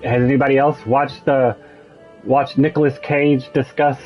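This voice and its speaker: A man's voice: medium pitch, flat delivery, normal speed, dull audio, faint music behind. A man streaming a video game, musing and digressing in casual commentary. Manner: musing, digressive, with frequent restarts. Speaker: gaming streamer. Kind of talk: casual rambling commentary over gameplay.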